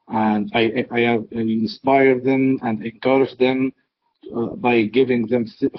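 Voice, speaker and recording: Hesitant husky man on a call. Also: mid-range voice. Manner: halting, many fillers and restarts. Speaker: webinar speaker. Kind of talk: hesitant webinar talk. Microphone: video call. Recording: dull lo-fi video call audio.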